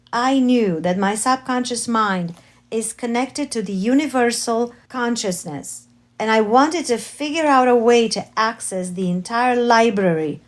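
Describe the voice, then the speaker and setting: Reading her spiritual memoir aloud, the author speaks English as a non-native with a Romanian accent, her voice on the high side. She takes it slowly and carefully, with an occasional self-correction.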